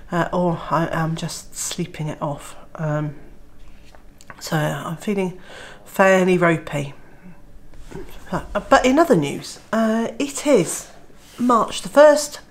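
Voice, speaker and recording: A Welsh homesteading vlogger with a cold talks casually to camera in a lowish, nasal, throaty voice. She's chatty and uses many "uh" fillers.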